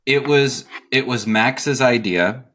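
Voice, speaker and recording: A man's voice: medium pitch, slow pace, fairly bright tone. A man co-hosting a podcast, talking casually, laughing often and working through his notes. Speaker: podcast co-host.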